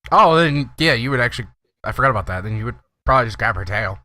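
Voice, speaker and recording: A man's voice: medium pitch, expressive, fast talker, pushed and bright, no echo, clean studio sound. A man narrating as dungeon master of a tabletop role-playing game, talking in an easygoing, rambling way.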